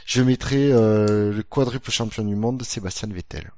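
A man's voice: lowish voice, moderate pace, mellow, dry recording, clean studio sound. A man on a panel show, explaining his choices at length with fillers. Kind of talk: casual podcast discussion.

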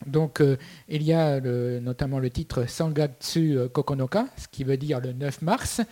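A man's voice: mid-range voice, moderate pace, mellow. A man co-hosting a casual podcast, presenting his segment with many fillers and restarts. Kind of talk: casual chat.

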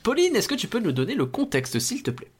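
A man's voice: high-pitched, huge pitch swings, fast talker, breathy edge. A man hosting a casual film podcast, jokey and leading the talk. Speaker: podcast host.

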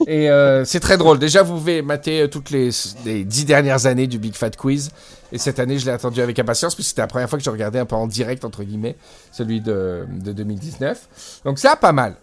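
A man's voice: medium pitch, fast talker. A man co-hosting a podcast in casual chat, talking enthusiastically with frequent hesitations, recorded over a Skype call. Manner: enthusiastic, hesitant with many fillers. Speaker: podcast co-host.

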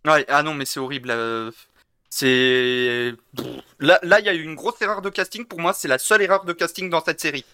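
Bright-voiced high man, dry close sound. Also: brisk, clean tone. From Basque Country. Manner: joking, animated, cuts in often. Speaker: podcast co-host. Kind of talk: casual chat.

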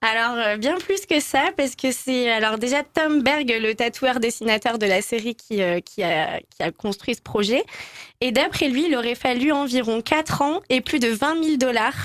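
A woman's voice: a little high, normal speed, no room sound. A woman co-hosting a radio show, chatting and presenting little trivia facts. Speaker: radio co-host. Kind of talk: casual radio banter.

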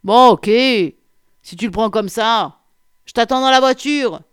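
A woman's voice: on the high side, expressive, normal speed, no room sound, clean studio sound, voice pushed up, close to an everyday voice. A woman reading aloud, voicing a male municipal police officer with a Landes accent and an easygoing, slightly sulky manner. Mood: concerned. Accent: southwestern French (Landes). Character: gruff male municipal cop.

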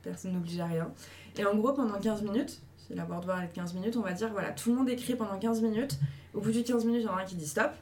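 A woman's voice: mid-range voice, fast, darkish tone. Chatty encouraging woman giving advice. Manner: encouraging, chatty, many fillers. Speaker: host giving writing advice. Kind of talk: casual advice talk to viewers.

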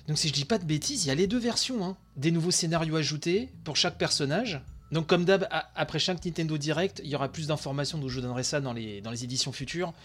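A tired man hosting a podcast, giving chatty, excitable live commentary on a video stream, full of fillers and asides. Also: fairly high pitch, fast, slight background noise. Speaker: podcast host.

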